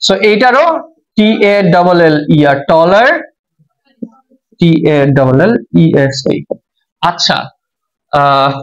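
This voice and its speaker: A man's voice: sits high, expressive, slow, long pauses. A man with a Bangladeshi Bengali accent giving a classroom English grammar lecture, spelling words out letter by letter and asking the class check questions. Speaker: English teacher. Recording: dull lo-fi audio.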